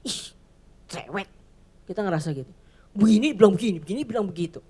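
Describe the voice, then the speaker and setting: A woman pastor giving a sermon in church, chatty and lively, often acting out little voices. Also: mid-range voice, racing, slightly rough. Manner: lively, conversational, acts out voices.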